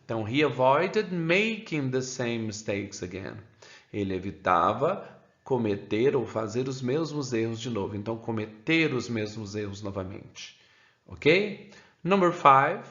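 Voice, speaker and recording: A man with a Brazilian Portuguese accent teaches an English grammar lesson, keeps adding "né?" and says the English examples slowly. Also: mid-range voice, a bit bright. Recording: roomy, dull lo-fi sound.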